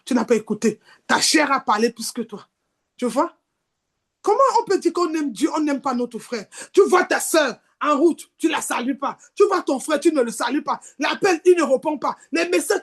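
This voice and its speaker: A woman preaching a lively sermon, acting out little scenes, shouting some lines and whispering others. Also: sits high. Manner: animated, shifts between shouting and near-whispers, acts out voices.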